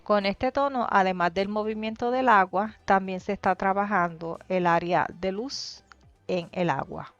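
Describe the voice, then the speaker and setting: A woman narrating a painting tutorial in a calm, explanatory way, pausing often with hesitations as she describes each step. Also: mid-range voice, no room sound. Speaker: painting teacher. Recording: dry, dull lo-fi voice-over with faint music.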